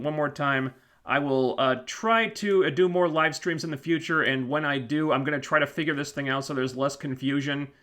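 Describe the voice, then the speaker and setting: His voice mid-range, pushed and bright, a man hosting a YouTube live stream gives a casual wrap-up. He's losing his voice and thanks viewers in a rambling way, with plenty of fillers and restarts.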